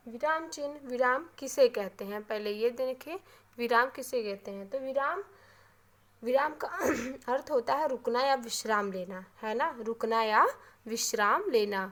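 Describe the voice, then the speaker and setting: A woman with a somewhat high voice teaches a classroom grammar lesson. She goes through terms one at a time and repeats them slowly. She keeps checking in with short tag questions. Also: fairly bright tone.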